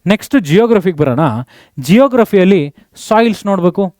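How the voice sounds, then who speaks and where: A male teacher giving an exam revision lesson, quizzing students with quick questions and mixing in English terms. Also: sits high, animated, a little mellow, no room sound, clean studio sound. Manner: mixes English terms into speech.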